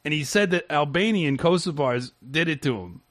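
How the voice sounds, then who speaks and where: A man's voice: a little high, animated, fairly bright tone, no echo. Rambling man host, dry close mic. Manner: rambling, halting, with frequent restarts and laughter. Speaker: podcast host. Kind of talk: casual interview chat.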